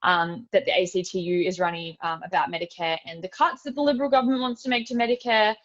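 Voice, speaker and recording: An Australian woman with a fairly low but fairly bright voice speaks quickly as she leads an informal online tutorial, demonstrating each step as a webinar presenter. She's casual and chatty, saying "like" and "super" a lot. The video call sound is dull and lo-fi.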